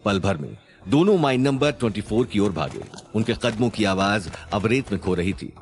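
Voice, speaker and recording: A man's voice: on the low side, lively intonation, moderate pace. A man narrating a suspense story in a scripted, dramatic storytelling manner.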